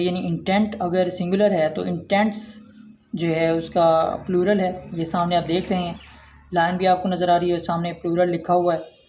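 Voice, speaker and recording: A male teacher explaining a textbook lesson, reading English phrases slowly and then explaining them in Urdu. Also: high-pitched, darkish tone. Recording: roomy echo.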